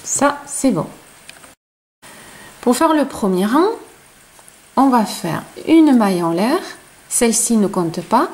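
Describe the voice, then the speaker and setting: Slow-talking woman teaching crochet. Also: fairly high pitch, very animated, darkish tone, low-quality recording. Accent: non-native French. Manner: counts stitches aloud, chatty asides. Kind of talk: slow step-by-step tutorial.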